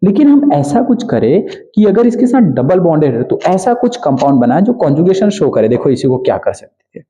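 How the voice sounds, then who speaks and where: A man teaching a chemistry lecture. He asks questions and answers them himself, repeats key terms, and drags key words out slowly. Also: fairly high pitch, big pitch swings, dark tone, poor audio. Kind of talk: exam-prep lecture.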